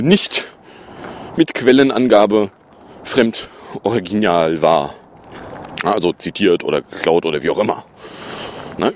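Guy ranting sarcastically, pitch jumping all over, bit of faint hiss behind. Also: a little mellow. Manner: sarcastic, mocking. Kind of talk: casual political commentary.

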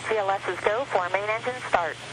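A man's voice: sits high, brisk, background noise. A man making formal launch countdown calls over a control radio feed.

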